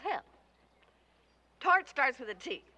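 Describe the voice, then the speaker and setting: A man playing an excitable, stubborn, cranky witness in a comic fantasy drama, in an echoing, noisy recording. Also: very high-pitched, slow pace, full character voice. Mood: dithering. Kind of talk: theatrical comic fantasy acting.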